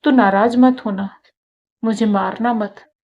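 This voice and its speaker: A woman's voice: fairly high pitch, steady tone, slow, phone-quality sound. A woman voicing a frail, starving elderly mother-in-law who pleads fearfully and apologetically in a storybook tale. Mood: pleading.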